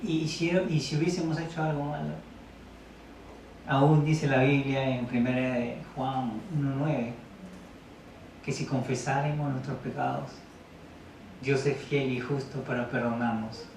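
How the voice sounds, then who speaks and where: A man's voice: mid-range voice, fairly even intonation, a little slow, vocal fry, pauses often, noisy background. A man preaching a sermon in a church hall. He reads Bible verses aloud and keeps asking the congregation questions. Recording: very echoey room, mic at a distance.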